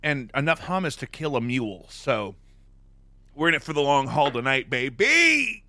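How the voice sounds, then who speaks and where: A man's voice: medium pitch, moderate pace, bright, forceful tone, dry recording. A man hosting a podcast while eating, asking rambling, joking questions full of fillers. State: eating during the show. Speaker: podcast host. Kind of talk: casual interview chat.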